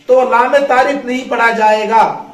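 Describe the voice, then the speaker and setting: High-voiced man teaching Arabic letters. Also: fairly even intonation. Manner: asks questions and has the class finish his sentences. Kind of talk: classroom lesson with call and response. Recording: echoey room.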